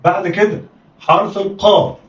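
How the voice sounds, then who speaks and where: A man's voice: sits high, fairly even intonation, normal speed. A man with an Egyptian accent, teaching children to read syllables, calling out sounds for them to repeat and praising them often. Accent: Egyptian Arabic. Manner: call-and-response drilling, coaxing pupils to repeat; encouraging, blessing the pupils often. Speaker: Arabic teacher. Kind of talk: children's phonics lesson. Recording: echoey room, distant mic, dull lo-fi sound.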